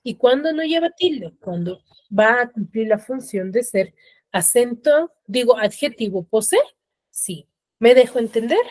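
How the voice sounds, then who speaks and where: A woman's voice: on the high side, animated, unhurried, a little mellow, no room sound, studio quality. A woman teacher giving an online grammar lesson, explaining step by step and often checking that students follow. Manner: explanatory, checks understanding with frequent tags. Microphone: video call.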